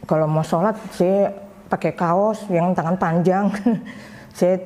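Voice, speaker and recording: A woman telling her personal story, voicing the people in it with animated quoted dialogue. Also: on the low side, slow pace. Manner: recounts with lively quoted dialogue. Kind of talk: personal testimony.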